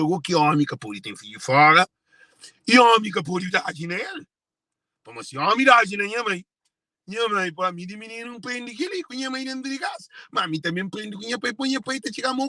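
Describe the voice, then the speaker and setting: High-voiced Cape Verdean man, dry sound. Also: pushed and bright, no echo. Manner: repetitive, circling back to phrases. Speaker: speaker sharing personal family story. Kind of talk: emotional monologue to viewers.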